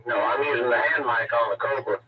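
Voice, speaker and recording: A man chatting casually over a mistuned sideband CB radio, rambling and halting with lots of fillers. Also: mid-range voice, over a noisy crowd. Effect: mistuned sideband CB radio transmission. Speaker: CB radio operator. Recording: tinny, distant, noisy radio signal.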